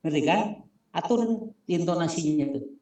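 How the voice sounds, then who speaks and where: This instructor's voice is fairly high yet dark in tone, expressive and at normal speed, with a Sundanese accent. Lecturing, he drives home key ideas through emphatic repetition and spells acronyms letter by letter, all in an echoey space.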